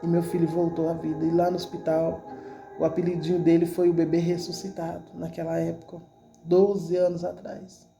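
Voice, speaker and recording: A woman with a Brazilian accent gives an emotional religious testimony, piling up repeated words as she speaks to the congregation. Her voice is mellow and warm. Soft music plays faintly behind her. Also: on the low side, little pitch movement, normal speed, gravelly. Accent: Brazilian Portuguese. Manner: emotional, repetitive storytelling addressed to the congregation. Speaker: church member giving a testimony.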